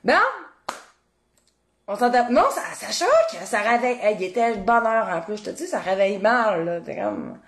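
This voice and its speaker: A woman's voice: medium pitch, lively intonation, normal speed. A Québécois woman hosting a cooking livestream, chatting casually and expressively, addressing viewers and reading their comments, with a casual swear now and then. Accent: Québécois French. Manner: talks straight to viewers, reads their comments. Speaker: cooking show host.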